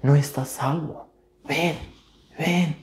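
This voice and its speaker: A man voicing God as a calm, quiet, inviting male voice. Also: on the high side, slow, slight background noise. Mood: gentle. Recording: roomy echo.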